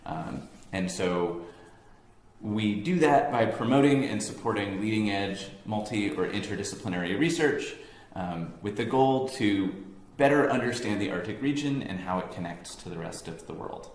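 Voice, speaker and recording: This deep-voiced American man from near Boston works for a science organization and is giving an informal presentation to an audience in a room. He speaks at a moderate pace in a relaxed, conversational way, with many ums and corrections of himself. The recording picks up room echo and a faint background hum.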